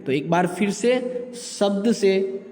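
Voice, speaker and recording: A man teaching a school lesson, slowly and deliberately reading out letters and repeating them for the pupils to follow. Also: sits high, animated, warm tone, reverberant, big-room sound.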